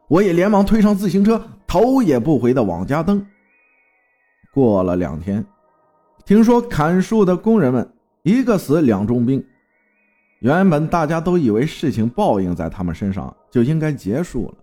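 A man's voice: a little high, dark tone. A man from Fujian narrating a folk tale in a dramatic storytelling manner. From Fujian, China.

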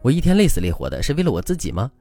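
A man's voice: medium pitch, huge pitch swings, very fast, warm tone, voice pushed up. A man voicing an overworked, irritable husband who grumbles in sarcastic outbursts, over faint music. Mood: angry.

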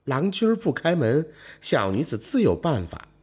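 Sly fox spirit girl, put on by a male storyteller, husky, coaxing, teasing, lively pitch. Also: moderate pace, heavily acted. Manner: coaxing, teasing, later spiteful. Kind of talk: storytelling role voice.

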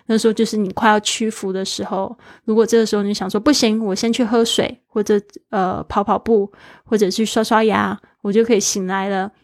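A woman's voice: medium pitch, flat delivery, fairly quick, darkish tone, no echo, clean studio sound. A woman teaching a daily English lesson, spelling words letter by letter in an encouraging way.

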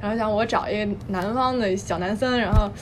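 A woman's voice: medium pitch, fairly quick, background noise. A young woman from Beijing with a Beijing accent, a podcast guest telling stories in a chatty, slangy, blunt way. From Beijing, China. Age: young adult. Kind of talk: casual chat.

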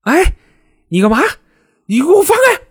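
A man voicing a terrified young woman, shrieking for help in a shrill falsetto. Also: huge pitch swings, moderate pace, fairly bright tone, exaggerated voice. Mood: screaming.

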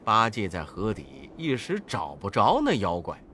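A man narrating a children's storybook slowly and expressively, with dramatic rises. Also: on the low side, wildly swooping pitch, bright, forceful tone, slight background noise.

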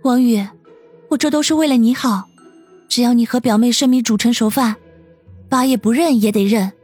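A woman's voice: high voice, animated, fairly quick, no room sound, faint music behind. A woman voicing a bold young woman who scolds and teases sarcastically. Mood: sarcastic. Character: bold, sharp-tongued young woman, elder cousin.

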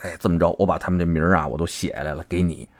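A man, hosting a podcast and telling a story in a casual, animated, colloquial way. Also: deep voice, racing. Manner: animated, colloquial, acts out characters' lines. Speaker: podcast host.

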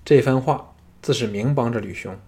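A man reading a novel aloud at a mid-range pitch. His narration is steady and even, and he weaves commentary into the story. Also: normal speed. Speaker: audiobook narrator.

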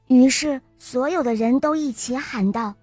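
A woman telling a bedtime story to children in a warm, sing-song way. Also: high voice, unhurried, no room sound. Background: faint music.

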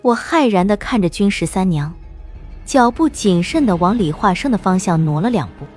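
A woman narrating a novel in the first person with expressive storytelling. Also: mid-range voice, moderate pace, faint music behind.

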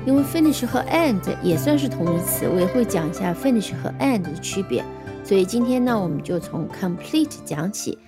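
A woman teaching an English vocabulary lesson in Chinese, patiently spelling words letter by letter and giving example sentences. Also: mid-range voice.

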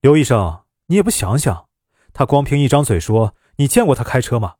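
A man voicing a short-tempered middle-aged ambulance driver with a gruff, sharp-tongued manner, in a storybook reading. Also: medium pitch, very animated, brisk, no echo, clean studio sound. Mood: scornful.

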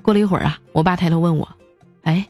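A woman hosting a comedy show, reading listener jokes aloud. She talks with a lively manner, jumps up in pitch for quoted lines and laughs along. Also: fast, soft background music. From China.

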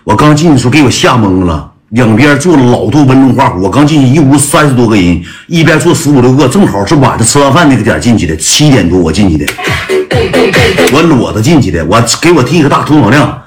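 With music behind him, this man is a fast talker telling his audience a story in casual, blunt, slangy terms and laughing throughout. His medium-pitched voice is very animated.

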